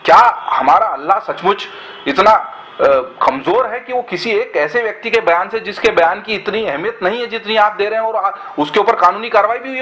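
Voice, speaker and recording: High-voiced earnest male commentator. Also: fairly bright tone, poor audio. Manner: earnest, argumentative, rhetorical questions. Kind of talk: studio web discussion.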